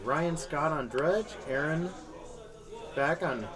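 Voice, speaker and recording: Young man, card game stream commentator, a touch high-pitched, upbeat and casual. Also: takes it slowly, a crowd in the background. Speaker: tournament commentator.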